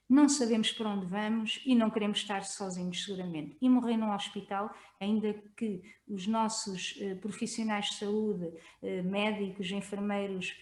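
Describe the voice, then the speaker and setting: A woman's voice: mid-range voice, darkish tone. Reflective Portuguese woman in an echoey room. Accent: European Portuguese. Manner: reflective, pausing between phrases. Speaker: project presenter. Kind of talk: public talk, personal storytelling.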